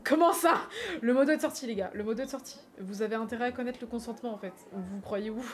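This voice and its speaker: A woman streaming a game, chatting casually, animated, teasing and crude, laughing often. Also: a little high, fast talker. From France. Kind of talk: casual gaming stream chat.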